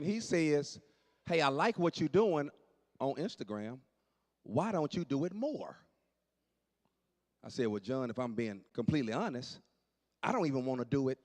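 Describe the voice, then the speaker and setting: A man in his late forties doing animated stand-up storytelling on stage, dropping to low asides and jumping up for punchlines. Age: 40s. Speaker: stand-up comedian. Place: church hall on stage. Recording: long hall reverb.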